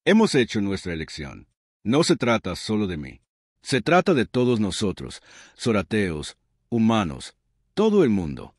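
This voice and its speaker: A stern alien queen speaks with calm, firm authority, as a man reading the story gives her lines. The voice sits fairly low but moves through a lively pitch range. The sound is dry and close, with no room around it. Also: measured pace, no room sound, exaggerated voice. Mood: solemn.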